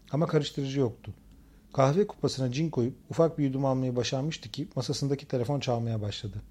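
A man reading a crime novel aloud in steady, measured scripted narration. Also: medium pitch, slightly rough. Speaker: audiobook narrator.

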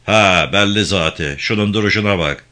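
A man reading a novel aloud, voicing a harsh, bullying gendarme chief who shouts threats and insults. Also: low-pitched, normal speed. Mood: barking, menacing.

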